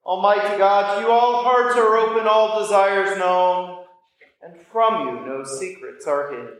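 Man, priest, slow measured prayers, cathedral echo, distant, echoey church. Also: high voice, a bit bright. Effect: cathedral echo, heard from far off. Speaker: priest leading the service. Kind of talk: liturgical recitation. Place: large church.

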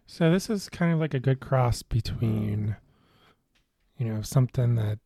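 A man co-hosting a podcast in casual beer-tasting chat, relaxed and hesitant, with many fillers and restarts. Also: medium pitch, measured pace, husky, no room sound, studio quality. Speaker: podcast co-host.

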